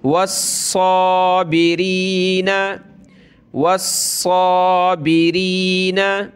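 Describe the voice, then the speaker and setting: A man teaching Quran reading, spelling out each letter and vowel mark and then chanting the word slowly, with quick explanatory asides in between. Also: fairly high pitch, clear, resonant tone. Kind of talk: slow spelled-out recitation lesson.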